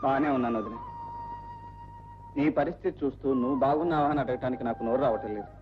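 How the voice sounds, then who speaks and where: A man's voice: medium pitch, fast talker, lightly acted. An actor playing an earnest young son who defies his mother in an old film. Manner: earnest, defiant. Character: earnest young son refusing arranged marriage. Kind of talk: 1980s Telugu film acting. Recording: lo-fi film soundtrack with music.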